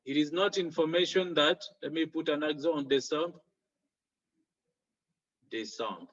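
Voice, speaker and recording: A man's voice: a little high, measured pace, fairly bright tone, dull audio. A man teaching a French exam lesson, explaining each step with worked examples.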